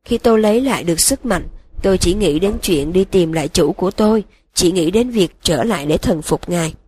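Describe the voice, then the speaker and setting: A woman voicing a broken young male wizard who confesses in a flat, emotionless monotone, in an audiobook reading. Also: fairly low pitch, a little fast, breathy edge.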